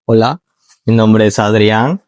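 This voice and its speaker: A man in his thirties from Ecuador, a nurse, answering interview questions in a calm, measured way and often ending with "¿no?". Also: lowish voice. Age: 30s. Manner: calm, measured, frequent "¿no?" tags.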